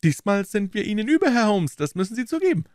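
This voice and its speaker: A man voicing an eager, boastful male Scotland Yard detective in a much higher, louder voice. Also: sing-song, quick pace, smooth, dry recording, studio quality. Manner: eager, boastful, high and loud.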